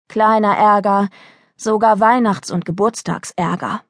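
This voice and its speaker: A woman narrating a children's book in a lively storytelling manner, recorded close to a studio mic. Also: mid-range voice, no room sound. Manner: lively storytelling, voicing characters. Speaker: audiobook narrator.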